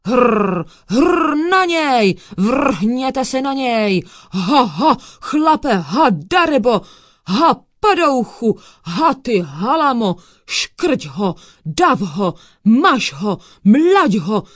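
A woman voicing an eager, loud male royal dog in a children's storybook, shouting in barking bursts. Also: lowish voice, sing-song, slightly rough, dry recording, studio quality. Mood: fierce yelling.

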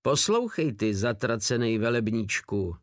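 A man's voice: fairly low pitch, big pitch swings, no room sound, studio quality. A man voicing a bitter male convict soldier sneering at a priest in an audiobook war story. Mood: scornful. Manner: shrieking, scornful.

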